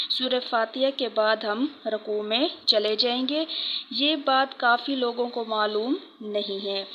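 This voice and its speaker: Higher-pitched woman teaching step by step. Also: a bit bright, muffled recording, a little hiss or hum. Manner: patient, repeats key points. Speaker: religious teacher. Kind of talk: instructional talk.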